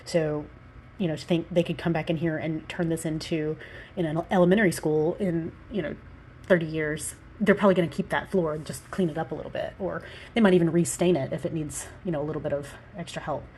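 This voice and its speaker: Her voice sits low, steady, brisk and a little mellow over slight background noise. She's a Sims builder and architect in her thirties from the American South, stuffed up from allergies and a bit winded, chatting loosely with many fillers about a building design.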